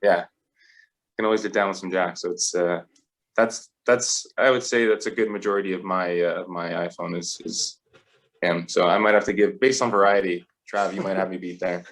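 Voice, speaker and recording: Young guy with a really low voice, laid back rugby chat, lots of uhs. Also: steady tone, normal speed, a bit bright. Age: 20s. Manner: easygoing, rambling with frequent fillers. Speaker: rugby player guest. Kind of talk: casual interview chat.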